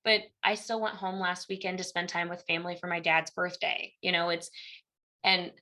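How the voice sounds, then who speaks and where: A young Midwestern-accented university instructor from Illinois chats as an interview guest, telling stories and acting out the conversations she describes. Her voice is fairly low, with little pitch movement, normal speed and a pushed, bright tone.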